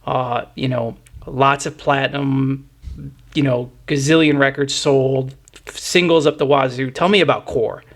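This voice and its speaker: With a steady mid-range voice and a slightly slow delivery, this middle-aged podcast host talks music and looks back on it. His storytelling is chatty, eager and long-winded.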